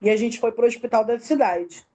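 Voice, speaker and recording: Woman, soft mellow voice. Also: fairly high pitch, moderate pace. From Brazil. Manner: tells the story in detail, acting out quoted dialogue. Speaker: interview guest, bereaved mother. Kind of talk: emotional personal testimony.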